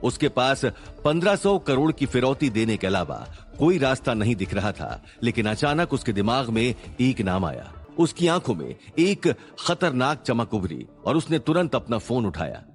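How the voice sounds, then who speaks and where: A man narrating a suspense story in a dramatic style. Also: mid-range voice.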